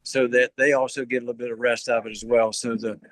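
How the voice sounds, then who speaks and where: A man speaks as a guest in a live-stream interview, explaining things at a steady pace with frequent "uh" fillers. His voice sits in the middle range for a man. The sound is dry and close. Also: mid-range voice, quick pace, dry recording, low-quality recording.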